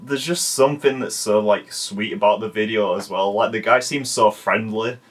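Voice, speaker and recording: A man's voice: lowish voice, normal speed. A man talking through a commentary video in a chatty way, swearing casually and often saying "like". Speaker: video essay host.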